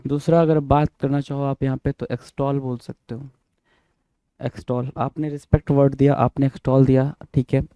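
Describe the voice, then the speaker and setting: Indian male tutor, very dark flat voice, dry close mic, spells words aloud and quizzes the class. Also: mid-range voice, normal speed, smooth, no room sound, rough recording. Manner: repeats words and spells them out letter by letter, quizzing the viewer. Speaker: teacher. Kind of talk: vocabulary lesson in Hindi-English mix.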